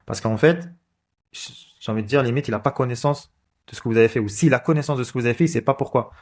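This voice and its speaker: With a fast, mid-range voice that is a little mellow, a man hosting a coding channel talks casually through code on a screen recording. He thinks aloud, full of fillers and restarts.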